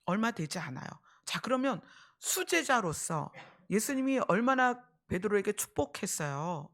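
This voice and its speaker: A woman pastor preaching a sermon, swinging between raised emphasis and hushed whispers. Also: medium pitch, sing-song, normal speed.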